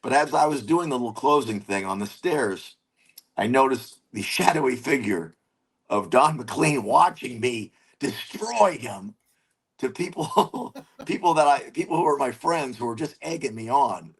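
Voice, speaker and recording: A man telling a comedy story in a casual interview, animated and swearing as he acts out his own lines. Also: medium pitch, unhurried, slightly rough. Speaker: comedian guest.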